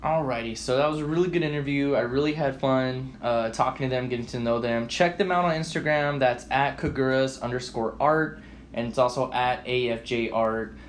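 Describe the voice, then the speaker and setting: A man's voice: mid-range voice, normal speed, slight background noise. A man in his early twenties hosting a podcast, loose and chatty with lots of fillers. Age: 20s. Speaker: podcast host. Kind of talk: casual interview chat.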